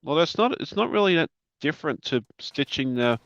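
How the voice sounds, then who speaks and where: A man's voice: on the high side, expressive, fairly quick, fairly bright tone, muffled recording. A middle-aged man chatting as a guest on a livestream, rambling and self-deprecating in an easygoing way. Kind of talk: casual livestream chat.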